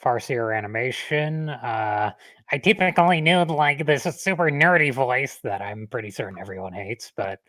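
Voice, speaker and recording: A man's voice: medium pitch, animated, moderate pace, bright, forceful tone, no echo. A man talking casually as a podcast guest, hesitant and self-deprecating, laughing at himself often. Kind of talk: casual chat.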